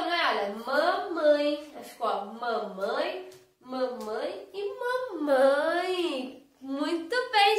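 A kindergarten teacher with a Brazilian Portuguese accent gives young children a slow, sing-song, encouraging online lesson. Her voice sits high and sounds pushed and bright, in a very echoey room.

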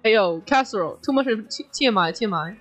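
A woman's voice: medium pitch, expressive, fast talker, faint music behind. A woman streamer chatting and teasing her teammates while gaming, laughing often. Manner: giggly, teasing. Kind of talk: casual gaming chat.

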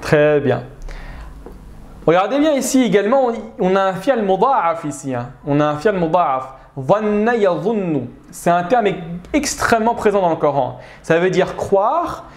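In a reverberant recording, a man with a high-pitched voice teaches Arabic grammar online at normal speed. He's animated and patient, regularly checking in with his students by asking "d'accord?".

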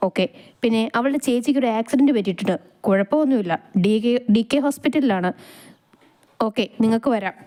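Brief: calm, matter-of-fact young man, voiced by a woman storyteller. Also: a little high, fairly quick, natural voice.

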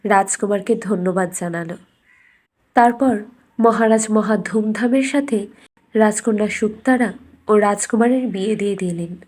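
In a slow, deliberate storybook delivery, a woman tells a scripted cartoon fairy tale, her medium-pitched voice a little mellow.

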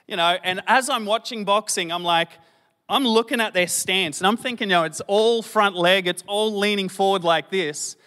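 An Australian pastor in his late thirties preaches in a relaxed, chatty way and pokes fun at himself as he goes. His voice sits high for a man. It rings out with a long hall reverb. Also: moderate pace. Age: late 30s. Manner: conversational preaching with self-deprecating humor. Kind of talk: sermon.

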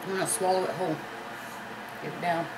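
A woman's voice: lowish voice, fairly even intonation, fast. A middle-aged woman chatting casually while eating at a table at home. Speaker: challenge video participant. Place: indoors in a home dining room. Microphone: camera a short distance away. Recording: echoey room with clear background noise.

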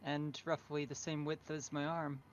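Higher-voiced male player on a dull mic. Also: flat delivery, normal speed. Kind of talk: in-character tabletop play. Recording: dull lo-fi mic with faint noise.

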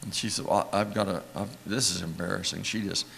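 An older church elder preaches in a homespun, storytelling way. His voice sits low and has a gravelly edge. He wanders between anecdotes, gets emotional, and laughs softly as he goes. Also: steady tone, brisk, a little hiss or hum. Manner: rambling, emotional, chuckles often. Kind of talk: folksy sermon storytelling. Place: church sanctuary.

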